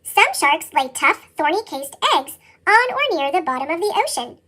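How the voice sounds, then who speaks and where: Chipmunk-effect reader, squeaky and very high, lively sing-song read-aloud. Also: moderate pace. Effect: sped-up chipmunk voice. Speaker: storybook reader. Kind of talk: reading a nonfiction picture book aloud.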